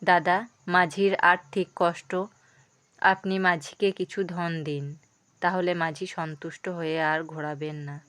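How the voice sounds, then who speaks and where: A woman voicing an earnest, loyal younger brother prince who urges his elder brother persuasively, in a slow, smooth voice. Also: on the low side, steady tone, a bit bright, no echo.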